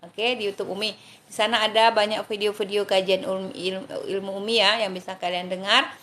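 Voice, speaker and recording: A woman's voice: mid-range voice, little pitch movement, fairly quick, fairly bright tone, slight background noise. An Indonesian woman preacher giving a live religious talk, answering viewers' questions, thanking them by name and calling them darling, and now and then reciting Arabic prayers in a chanting tone.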